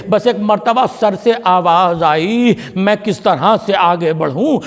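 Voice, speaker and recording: A male cleric reciting a mournful sermon, drawing out lines in grief. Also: high-pitched. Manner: stretched, wailing delivery of grief narration. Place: mosque hall. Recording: long reverb of a large hall.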